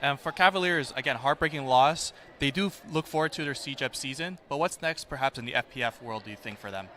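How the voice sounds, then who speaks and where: Male sports commentator and booth host. Bright, punchy tone, with faint noise behind. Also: mid-range voice, fast talker.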